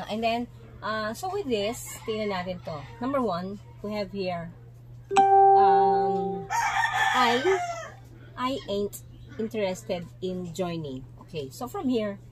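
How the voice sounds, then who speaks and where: A woman's voice: medium pitch, slight background noise, poor audio. A woman with a Filipino accent gives an English lesson in a mid-range voice, moving easily between English and Tagalog. She explains patiently and keeps checking in with her listeners. Faint clucking hens and crowing roosters sit behind her voice. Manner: explains slowly, checks in with "okay?" and "di ba?"; clears her throat often. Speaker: English teacher.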